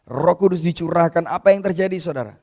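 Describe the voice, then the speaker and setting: Slightly high and creaky with a darkish tone, this pastor's voice moves at a quick pace. He preaches in a relaxed, conversational style with casual asides, repeatedly calling his audience "saudara," meaning brother, and retelling scripture by voicing its people.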